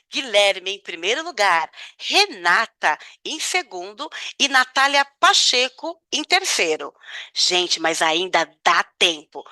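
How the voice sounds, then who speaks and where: A woman with a Brazilian Portuguese accent hosting a live online quiz over a video call, excitable and playfully dramatic as she builds suspense. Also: on the high side, no echo, clean studio sound. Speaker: quiz host.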